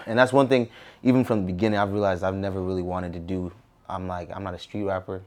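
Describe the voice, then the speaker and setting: As an interview guest, a twenty-something man from Southern California talks casually and reflectively in an American accent. His low voice keeps a level tone at a quick pace.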